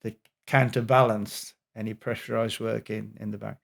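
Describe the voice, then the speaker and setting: A middle-aged man, a health expert guest on a podcast, telling an animated anecdote. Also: on the low side, moderate pace, gravelly. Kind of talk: storytelling in a podcast interview.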